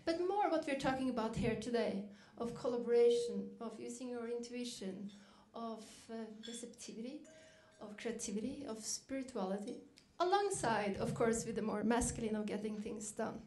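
A woman's voice: a little high, lively intonation, moderate pace, hardly any pauses, darkish tone, slight background noise. A middle-aged woman from Norway, giving a reflective storytelling dinner keynote, lifting her voice when she quotes herself. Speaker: keynote speaker.

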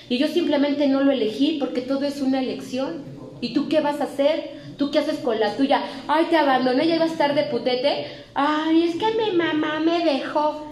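A woman's voice: high-pitched, a little mellow, echoey room, slight background noise, rough recording. A middle-aged woman with a Mexican accent, a psychologist giving a blunt, emotional testimony to a recovery group. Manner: blunt and profane, emotional storytelling. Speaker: psychologist speaking at a recovery clinic. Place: meeting room at a rehab clinic.

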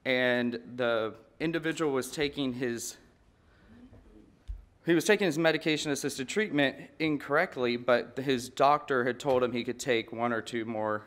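A man's voice: medium pitch, normal speed, a bit bright. Earnest man speaking at a conference podium. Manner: earnest, conversational, repeats words and restarts often. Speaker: convention breakout speaker. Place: large conference hall stage. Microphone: podium microphone.

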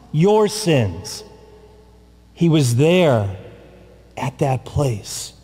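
A priest's mid-range voice, dark and a bit rough, carries a slow, solemn sermon from the pulpit, with deliberate long pauses and repetition. The large church produces a long reverb, recorded through a distant camera and the pulpit mic.

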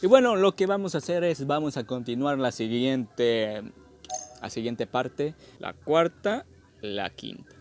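A man's voice: medium pitch, expressive, a little slow, a little mellow, slight background noise. A tipsy man gives casual gameplay commentary as a host, rambling, repeating himself and joking crudely. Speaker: gaming video host.

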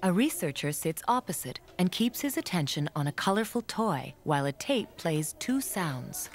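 A woman reading scripted documentary narration in a measured, explanatory way. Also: fairly low pitch, very animated.

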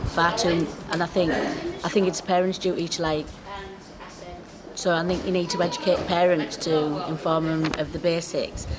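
A middle-aged woman answers hesitantly, circling back on her own words. Her voice is somewhat low. She was recorded on a busy street, with loud crowd chatter behind her. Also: little pitch movement, normal speed. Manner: hesitant, repeats "I think". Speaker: passer-by interviewee. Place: outdoor town street.

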